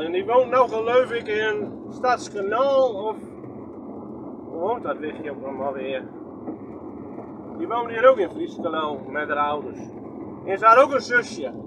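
A man's voice: sits high, big pitch swings, a little slow, pauses often, background noise. A man with a Groningen accent giving rambling, chatty running commentary from inside a moving vehicle, filming on a handheld phone and asking himself questions as he goes. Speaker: vlogger. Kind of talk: casual running commentary while driving.

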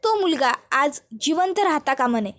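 A woman's voice: high voice, animated, normal speed, fairly bright tone. A woman voicing a scheming, angry young man who blames others and gives orders. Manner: blaming, commanding.

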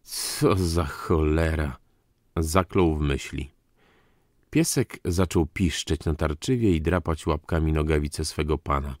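Low, slow man narrating a novel. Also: darkish tone, no echo, studio quality. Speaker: audiobook narrator. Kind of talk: serialized novel reading.

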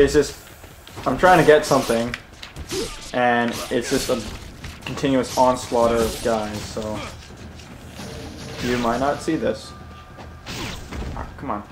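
A man's voice: medium pitch, fairly even intonation, a little slow, long pauses. A man giving casual gameplay commentary, rambling and joking and correcting himself as he goes. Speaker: let's play host. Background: game music and sounds.

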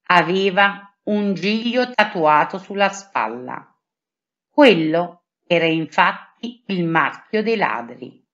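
A woman reading a children's adventure story aloud in first person, with lively intonation. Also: fairly low pitch, slow pace, lo-fi sound. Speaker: storybook reader.

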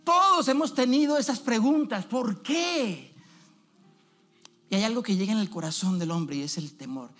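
A man's voice: sits high, lively intonation, moderate pace, a bit bright, soft background music. A man preaching a sermon as an evangelist in a church, speaking emphatically and asking the congregation direct questions.

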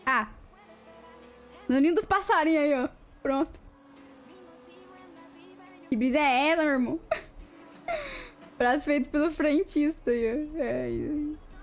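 Brazilian girl streaming, high voice, giggly and playful, chatting with viewers, faint music behind. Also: lively intonation, slow, pauses often. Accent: Brazilian Portuguese. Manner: playful and giggly, greeting chat viewers by name; stumbles and laughs over tongue twisters. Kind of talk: casual live-stream chat.

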